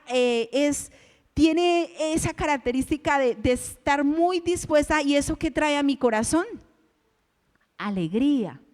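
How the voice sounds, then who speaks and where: Woman preacher, higher voice, slow sermon delivery, rhetorical questions, echoing church hall. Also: a little mellow. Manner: slow, emphatic Bible reading with rhetorical questions.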